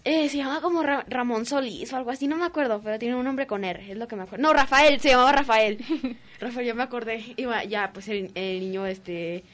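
A teenage girl with a Mexican Spanish accent, co-hosting a youth radio show and telling a story in a casual, animated way, acting out the voices. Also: a little high, a little fast. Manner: animated, acts out voices in her story, giggly. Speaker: young radio co-host. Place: radio studio.

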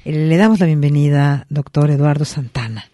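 A woman hosts a radio interview in a mellow, warm voice. She asks conversational follow-up questions. Her voice is recorded dry and close in the studio. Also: low-pitched, moderate pace, dry recording. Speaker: radio host.

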